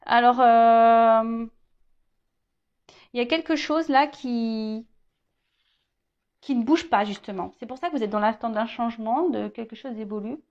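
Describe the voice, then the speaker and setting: Woman, tarot reading, chatty, hesitant repeats, higher voice, muffled recording. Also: a little slow, long pauses. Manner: hesitant, many repeated words and fillers; chatty, addresses viewer directly, jokes. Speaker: tarot reader.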